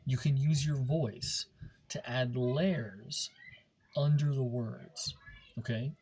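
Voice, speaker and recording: A man with a mid-range, darkish voice teaches a speech class in an informal recorded lesson, speaking slowly and steadily with slight background noise. Addressing his students directly, he is emphatic and demonstrative, stressing and repeating key words and points.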